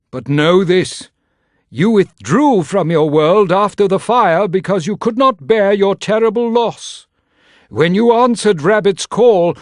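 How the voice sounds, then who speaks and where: An actor playing a grave, weary, cryptic guide in a video game, speaking with solemn, admonishing deliberation. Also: male voice, sits high, no room sound, studio quality. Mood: urgent admonishing. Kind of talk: video game character acting.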